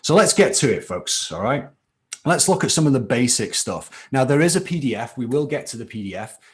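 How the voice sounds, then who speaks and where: A man's voice: medium pitch, sing-song, brisk. A man teaching chemistry in a live online class, chatty and informal, checking in with "okay?" after each point. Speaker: chemistry tutor. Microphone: computer mic for a live stream.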